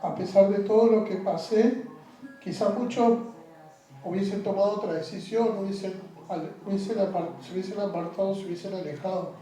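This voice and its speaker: A man giving a personal testimony in an interview, halting and repeating words, often trailing off quietly. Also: sits high, fairly even intonation, far from the mic. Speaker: interview guest. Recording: very echoey room, off-mic, faint music.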